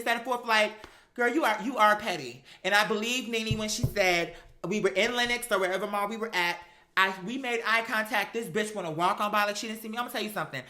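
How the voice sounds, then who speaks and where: An online talk show host, a woman tells gossipy stories in a casual chat, sassy, profane, and dramatically emphatic. Her voice is a little high and bright with a forceful edge.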